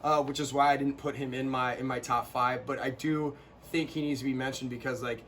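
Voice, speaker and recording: A young man co-hosting a casual chat, animated and quick to burst into quoted lines. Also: mid-range voice, slight background noise. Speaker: co-host.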